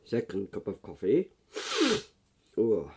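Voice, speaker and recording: A middle-aged man, hoarse and coughing after just waking up, giving a rambling, blunt, swearing early-morning rant. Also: fairly low pitch, big pitch swings, slow, mellow. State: hoarse, coughing, frog in throat. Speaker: YouTuber.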